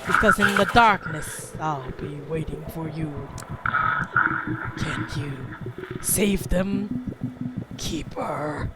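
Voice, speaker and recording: A woman voicing a menacing dark spirit haunting a lighthouse, speaking slowly and ominously, on a noisy recording. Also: sits low, animated, voice pushed down. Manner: slow, ominous taunting.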